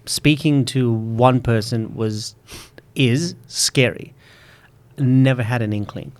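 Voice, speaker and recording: A man in his late thirties with a stutter, repeating word starts, speaking slowly and reflectively as a podcast guest. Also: medium pitch, smooth. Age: 30s. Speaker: public speaking coach. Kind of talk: podcast interview.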